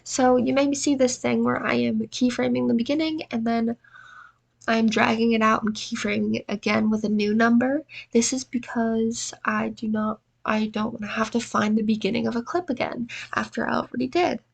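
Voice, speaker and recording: A woman's voice: on the high side, fairly even intonation, normal speed, vocal fry. A tired, exhausted-sounding woman with allergy congestion narrates a tutorial in a casual, self-deprecating way. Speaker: video editing tutorial presenter.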